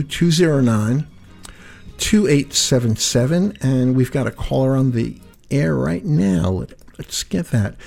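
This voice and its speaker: A man hosting a radio call-in show, giving reflective advice to listeners in measured, short phrases. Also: mid-range voice, gravelly, a little mellow. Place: radio studio.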